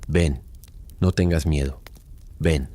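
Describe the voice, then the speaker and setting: A man voicing a luring forest spirit woman who mimics a friend, speaking slowly, softly and coaxingly, in a deep dark voice. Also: a little hiss or hum. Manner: slow, soft, coaxing.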